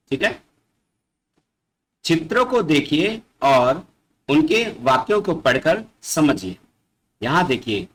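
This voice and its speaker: A male schoolteacher talks young children through a grammar lesson, unhurried and patient. His pitch sits a little high and swings widely as he stresses key words. He keeps checking that they follow and reads each definition twice. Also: fairly bright tone, rough recording. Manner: patient, addresses the children often and repeats definitions. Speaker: school teacher.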